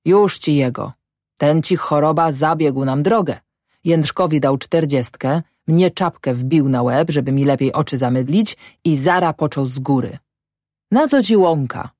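A woman's voice: deep voice, measured pace, a little mellow, dry recording, clean studio sound. Woman voicing a wary old peasant farmer. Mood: grumbling storytelling. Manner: rustic dialect, muttering and grumbling. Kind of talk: audiobook character voice.

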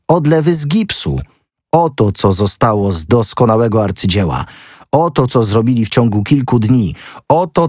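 A young male sleuth in a storybook, carried away and mocking, his voice leaping high in wide swings, as a narrator puts him on. The tone is husky and the sound dry and close. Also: dry recording. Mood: triumphant. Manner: excited, declaiming.

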